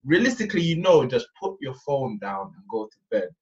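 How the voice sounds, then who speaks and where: A man's voice: medium pitch, sing-song, fairly quick, recorded from a distance, muffled recording. A young man with a London roadman accent telling anecdotes in casual slangy banter.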